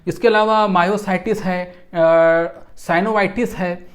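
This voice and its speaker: An instructor in physiotherapy and Unani regimenal therapy delivers an explanatory medical lecture, teaching didactically by restating terms and repeating phrases. His mid-range voice holds a steady tone and moves slowly.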